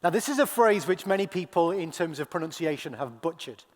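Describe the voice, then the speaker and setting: A male pastor giving a sermon. He speaks slowly and deliberately, dropping to a hush and then rising to loud, impassioned cries. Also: on the high side, animated. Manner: dramatic swings from hushed to loud crying out; slow, deliberate delivery with long pauses. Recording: long hall reverb.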